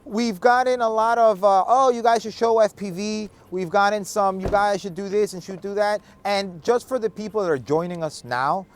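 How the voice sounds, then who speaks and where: A man co-hosting a casual chat, talking in an animated, emphatic way and swearing freely. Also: high voice, normal speed, hardly any pauses, a little hiss or hum. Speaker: podcast co-host. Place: outdoors in cold weather.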